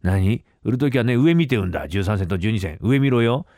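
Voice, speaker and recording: A man's voice: fairly low pitch, animated, brisk, dark tone, no echo, studio quality. A man doing a brusque scolding uncle. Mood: instructing. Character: bossy middle-aged vegetable-seller uncle. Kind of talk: rakugo storytelling.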